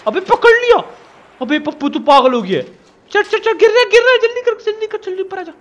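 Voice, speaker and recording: A man's voice: very high voice, animated, brisk, highs cut off. A man giving casual let's-play commentary, teasing and scolding the character he controls. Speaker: gamer.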